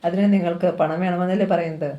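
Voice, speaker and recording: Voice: mid-range voice, level tone, quick pace, dark tone, lo-fi sound, lightly acted. The narrator voicing a scheming, wealthy middle-aged father in a novel reading, cold and commanding.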